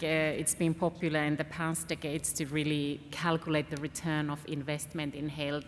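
Low-voiced Finnish woman on a conference panel. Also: background noise. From Finland. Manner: earnest, repeats words while thinking. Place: large conference hall. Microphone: table microphone. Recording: reverberant hall, faint ambience.

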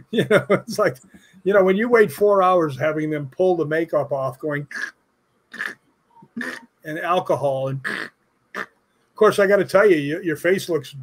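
A man's voice: a little high, measured pace, pauses often. An older man, a guest on a video call, telling joking stories with chuckles. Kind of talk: casual video-call interview.

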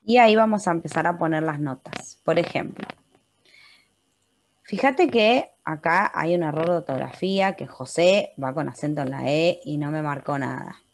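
Argentine lady teacher doing a webinar class, low voice with a gravelly edge, patient, keeps asking "¿sí?". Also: normal speed. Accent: Argentine Spanish. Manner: patient, checks in with frequent "¿sí?". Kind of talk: step-by-step software tutorial. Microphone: computer mic in a webinar.

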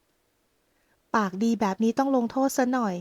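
A woman voicing a teasing young male romantic lead who speaks softly, slowly and intimately. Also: fairly high pitch, no echo. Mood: tender, teasing. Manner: soft, slow and intimate.

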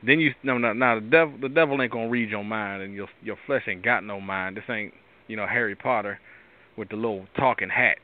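A tired male host with a raspy voice, giving a rambling devotional talk with many restarts. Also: lowish voice, fairly quick. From Pittsburgh area. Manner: rambling, restarts often, preachy asides. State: tired from lack of sleep. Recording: tinny phone-line sound.

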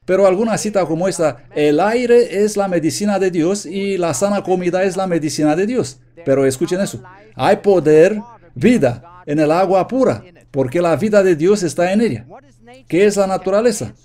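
Delivered as a Spanish voice-over, this sermon comes from an earnest man reading his notes at an ordinary pace. His voice is a touch high but gentle and mellow, carrying steady conviction, and he stresses quoted passages with care.

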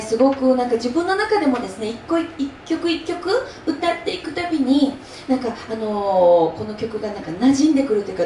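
A woman's voice: fairly high pitch, dark tone, a little hiss or hum. A woman from Osaka, an enka singer chatting with her audience between songs, laughing often and using many fillers. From Osaka, Japan. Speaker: enka singer at a mini live event. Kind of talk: stage talk between songs. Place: music shop event space with audience. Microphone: handheld mic. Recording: echoey room, voice from a distance.

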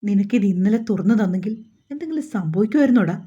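A woman reading the part of a hot-tempered young man who curses and shouts. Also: mid-range voice, lively intonation, fast talker, husky, lo-fi sound. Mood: angry.

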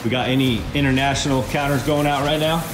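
This vlog host talks quickly in a medium-pitched, fairly even voice while walking through a large indoor warehouse. He chats upbeatly with coworkers on his casual walk-and-talk tour, and the audio carries a noisy background and echoey warehouse acoustics.

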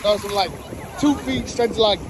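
A vlogger filming at the beach on a phone, talking casually and excitedly with slang and frequent laughter. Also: medium pitch, moderate pace. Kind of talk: casual vlog chat. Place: beach, standing in the surf. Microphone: handheld phone camera. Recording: wind and surf noise outdoors.

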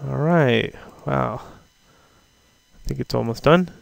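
A man teaching a software tutorial over a screen recording, talking casually and thinking aloud with fillers. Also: mid-range voice, takes it slowly, creaky, no echo. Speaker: instructor.

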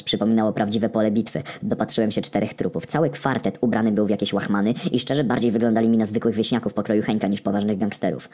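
A man narrating a comedic story in a deadpan, wry tone with frequent swearing. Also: lowish voice.

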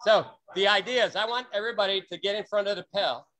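A man coaching a virtual sword-fighting practice on a video call, explaining and demonstrating with sharp bursts of breath. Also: sits high, fast.

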